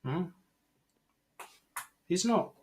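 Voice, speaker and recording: A man's voice: extremely slow, a little mellow, slight background noise. A man co-hosting a podcast, chatting casually, joking, laughing often and swearing. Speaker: podcast co-host. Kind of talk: casual banter.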